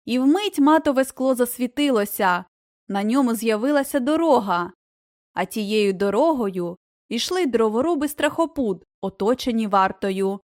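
A woman giving a gentle, expressive scripted reading of a children's tale. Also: on the high side, moderate pace, no echo, clean studio sound. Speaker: audiobook narrator.

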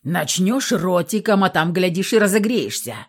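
Woman doing a male thug, low, coarse, mocking, swearing, lively swings, audiobook voice. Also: moderate pace. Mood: mocking crude. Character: crude drunk male thug guard. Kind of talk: audiobook reading.

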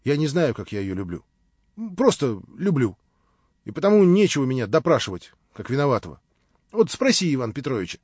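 A man's voice: mid-range voice, sing-song, fairly quick, a little mellow, husky, no echo. Man reading a plaintive naive young man. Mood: self-justifying. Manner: plaintive, rambling. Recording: dry, slightly dull lo-fi audio.

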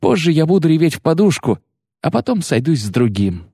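A man reading an audiobook, voicing a proud, sharp-tongued sorceress who speaks with biting, bitter mockery. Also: medium pitch, animated, normal speed, husky, dry recording, clean studio sound, voice pushed up. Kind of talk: audiobook character voice.

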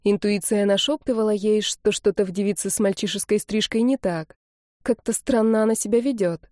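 A woman narrating a romance novel in a calm, even reading on a close mic. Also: mid-range voice, fairly quick, no echo. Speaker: audiobook narrator. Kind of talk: storybook narration.

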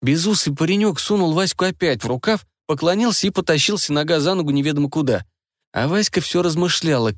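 A man narrating a comic fairy tale audiobook in an expressive, wry manner. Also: a little high, no echo, clean studio sound.

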